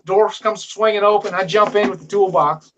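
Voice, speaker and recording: A man's voice: high-pitched, fairly even intonation, moderate pace, fairly bright tone, lo-fi sound, slight background noise. A man telling a long story in casual chat, rambling with many restarts and fillers. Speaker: guest storyteller.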